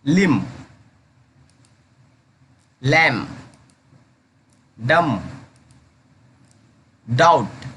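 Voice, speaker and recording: A man teaching English pronunciation in Hindi, repeating each word slowly and calling his listeners guys. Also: on the high side, expressive, bright, forceful tone, slightly rough. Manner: slow, drawn-out repetition of each word. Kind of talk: pronunciation lesson.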